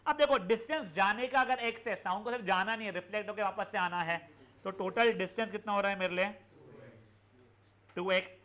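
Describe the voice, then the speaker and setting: In a live online physics lecture, a young man speaks a little fast in a high, bright voice. He explains in a chatty mix of Hindi and English and calls his students "beta".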